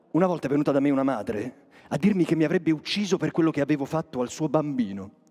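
An actor as a sly, sardonic chapel master on stage. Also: male voice, on the high side, darkish tone, natural voice. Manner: sardonic and declamatory, addressing the audience directly. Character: sly, cynical male chapel master of a prince, adult. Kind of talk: theatrical monologue to the audience. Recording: long reverb of a stage hall.

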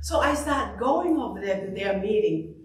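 A middle-aged woman from Tonga preaching a sermon into a handheld mic in a church sanctuary, animated and emphatic, often repeating herself. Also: medium pitch, moderate pace. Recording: echoey hall, far from the camera.

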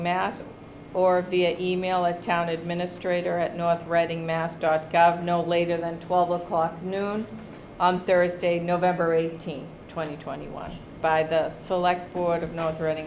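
A woman chairing a town board meeting, reading a public notice into the record in a brisk, friendly way, recorded in a meeting room. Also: lowish voice. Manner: brisk, friendly, reads formally. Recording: roomy hall with steady noise.

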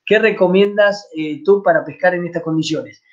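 A chatty Argentine man with a high-pitched voice and an Argentine Spanish accent hosts a fly fishing channel's live stream Q&A at a normal speed, full of fillers and restarts. He sits at a desk in a room at home, picked up by a dull-sounding webcam mic.

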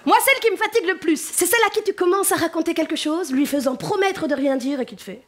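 A woman from the Paris suburbs with a suburban Paris accent, doing a stand-up comedy set on stage and talking directly to the audience in an animated, chatty way. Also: very high-pitched, quick pace. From France.

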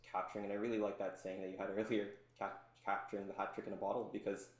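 A man talking as a podcast guest in relaxed, rambling casual chat, full of ums. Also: lowish voice, fast talker, roomy sound. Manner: relaxed, rambling, many ums, laughs often.

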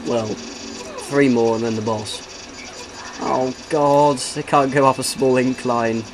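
A man's voice: medium pitch, steady tone, slow. A man giving casual let's-play commentary as he plays, rambling and joking and breaking into bits of song. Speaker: game commentator. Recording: noisy home recording.

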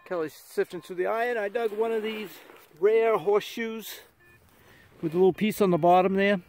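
Chatty joking man with a gravelly voice. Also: high voice, moderate pace, darkish tone. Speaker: metal detecting vlogger. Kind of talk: casual outdoor commentary and storytelling. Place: outdoors in a farm field.

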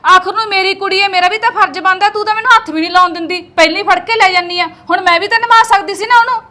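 A woman's voice: extremely high pitch, racing, pushed and bright. An actress playing a young mother who curtly tells her sister-in-law to keep away from her daughter. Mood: reproachful. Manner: curt, reproachful. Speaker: actor. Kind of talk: Punjabi short film acting.

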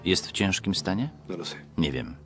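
Very deep-voiced male voice-over reader. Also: measured pace. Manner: even, detached reading. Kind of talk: flat Polish voice-over reading. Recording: voice-over on series music.

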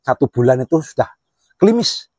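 A man's voice: mid-range voice, big pitch swings, moderate pace, darkish tone, breathy edge, no room sound. A man who keeps goats, talking casually and at length about his animals in a loose, rambling way. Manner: rambling, talkative, in a regional colloquial manner. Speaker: goat farmer. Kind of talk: casual chat.

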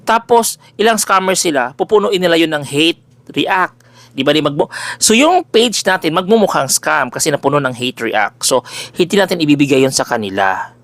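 Loud-voiced man in lively chatty address. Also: on the high side, normal speed, dry recording. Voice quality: big, loud voice. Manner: chatty and exclamatory, switching between Tagalog and English, jokey asides. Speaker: folk healer selling remedies, page owner. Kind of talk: casual direct-to-camera address to followers.

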